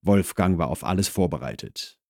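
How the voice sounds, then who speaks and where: A man narrating a comic audiobook in a wry, lively storytelling manner. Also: deep voice, moderate pace, vocal fry, no room sound, clean studio sound.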